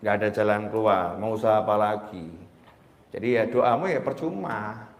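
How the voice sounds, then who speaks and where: A man's voice: lowish voice, normal speed, voice pushed down, natural voice. A man voicing a sly devil who whispers discouraging taunts, in an echoey hall. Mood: taunting. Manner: taunting, dismissive.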